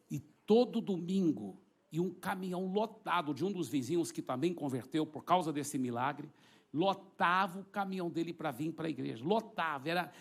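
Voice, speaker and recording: A man's voice: fairly high pitch, breathy edge. A middle-aged man, a pastor, telling a dramatic testimony to a congregation in church, acting out the scene. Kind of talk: sermon testimony.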